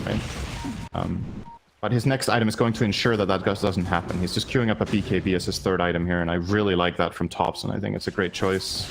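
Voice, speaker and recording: Low-voiced esports analyst man. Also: noisy background. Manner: explanatory, lots of fillers like um and like. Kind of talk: color commentary analysis.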